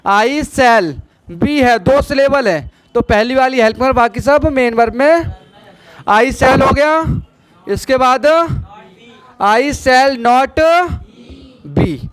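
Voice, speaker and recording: A male teacher giving a classroom grammar lesson, asking his students questions and saying example sentences slowly. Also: very high-pitched, fairly bright tone, clear, resonant tone, no room sound.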